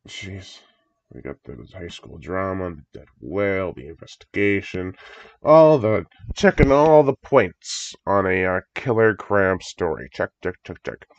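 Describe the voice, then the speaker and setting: Low-pitched and very animated yet unhurried, a man with cold-congested speech eagerly rambles through his reaction to a horror movie trailer, chuckling often. The dull, dry lo-fi home recording has no echo.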